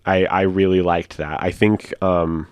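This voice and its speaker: A man's voice: deep voice, level tone, measured pace, smooth, dry recording. A man co-hosting a casual podcast, rambling and thinking aloud in long run-on thoughts. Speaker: podcast co-host.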